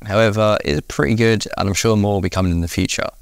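A man hosting a casual software tutorial, explaining each step in a relaxed way. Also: on the low side, quick pace, no echo, clean studio sound. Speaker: tutorial host.

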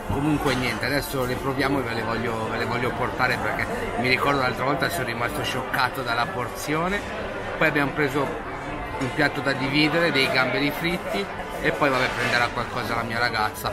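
A young man talking to camera, chatty and jokey, speaking straight to his viewers at a middle pitch. He is recorded on a small handheld camera held at arm's length in a packed restaurant, with loud crowd chatter and music all around him. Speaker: travel food vlogger. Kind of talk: casual vlog talk to camera. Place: busy restaurant in a shopping mall. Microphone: small handheld camera mic at arm's length. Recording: noisy crowd and music behind.

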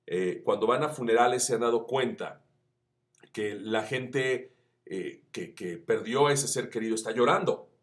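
A man teaching voice acting, chatty and encouraging, who demonstrates shouts that climb up the pitch scale. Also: a little slow. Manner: addresses viewers as friends, chatty and encouraging. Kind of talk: tutorial.

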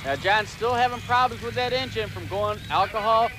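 Male color man, high voice, folksy and excitable about the racing. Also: normal speed. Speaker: color commentator. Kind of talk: sports commentary.

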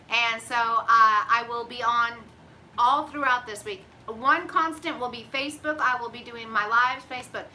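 A woman's voice: a little high, bright, forceful tone, a little hiss or hum, low-quality recording. A middle-aged woman, chatting folksily on a live cooking stream from her home kitchen. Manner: chatty, folksy, drawls "y'all". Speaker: keto cooking host. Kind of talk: casual live-stream chat. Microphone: phone camera at arm's length.

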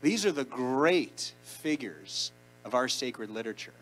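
A Canadian rabbi around thirty preaches a conversational, emphatic sermon with deliberate pauses into a handheld mic in a large sanctuary, captured by a far camera. His mid-range voice is lively and a bit bright, with soft background music on a low-quality recording.

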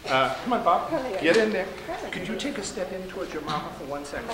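A pastor speaks in a slightly high voice, shifting from casual jokes to formal prayer. His words ring around a big echoing sanctuary, and the congregation can be heard murmuring behind him. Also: animated, quick pace, a crowd in the background. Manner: chatty and joking between formal prayer. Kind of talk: church announcements and prayer. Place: large church sanctuary. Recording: very echoey church with congregation.

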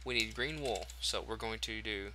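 A man's voice: lowish voice, normal speed, background noise. A man hosting a casual game tutorial, chatty and thinking aloud as he corrects himself. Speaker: tutorial host.

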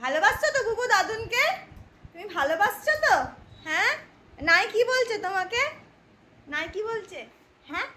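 A woman's voice: very high-pitched, expressive, normal speed, pauses often, pushed and bright, slight background noise. A woman talking baby talk to her pet dog at home, sing-song and doting, repeating her phrases.

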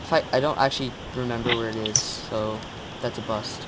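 A man's voice: mid-range voice, steady tone, a little fast, fairly bright tone. A man chatting casually while playing a game with friends, easygoing and narrating what he is doing as he goes. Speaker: player in a game series. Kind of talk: casual gaming chat. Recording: hissy, noisy recording.

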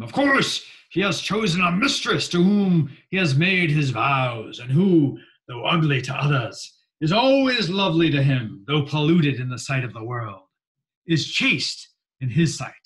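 A man's voice: on the low side, a bit bright, rough recording. A man teaching a history class in a casual, jokey way, acting out quotes in mock voices. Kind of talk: classroom lecture.

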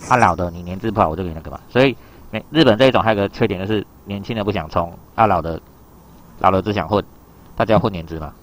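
A man teaches an exam reading lesson in a loose, chatty way. His voice sits low and he talks fast. He keeps asking his students whether they follow along. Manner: explains in a loose conversational way. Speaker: Japanese teacher.

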